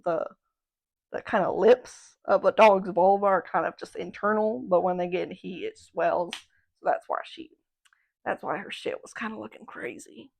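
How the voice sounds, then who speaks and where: Her voice sits in a middle pitch for a woman, neither high nor low. She's a young podcast host telling a story in loose, rambling chat. She's full of slang and cursing and often breaks into laughter. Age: young adult. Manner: rambling, slangy, swears freely; laughs between remarks. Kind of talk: casual chat.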